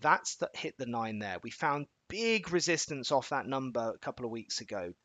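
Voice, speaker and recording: A man leads a live educational session in a quick, chatty way, stepping through each point and checking in with his viewers. His voice sits at an ordinary middle pitch, and the sound is close and dry, with no room echo. He restarts sentences freely and leans on plain everyday analogies. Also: lively intonation, a bit bright. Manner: folksy analogies and filler-laden restarts. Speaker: trading educator hosting a live webinar. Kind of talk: live educational chart walkthrough.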